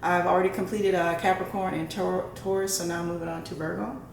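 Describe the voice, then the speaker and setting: A woman's voice: on the low side, steady tone, fairly quick, gravelly. A woman hosting a casual tarot and horoscope reading for her viewers, often checking in with a questioning "right?". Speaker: tarot reader and channel host. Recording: roomy echo, faint background noise.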